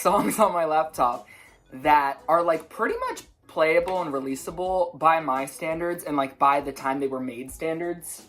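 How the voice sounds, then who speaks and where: Rambling low-voiced young woman with a lisp. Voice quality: slight lisp. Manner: rushed, rambling, self-interrupting, stutters. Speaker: musician vlogger. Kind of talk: casual chat to camera. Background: faint music.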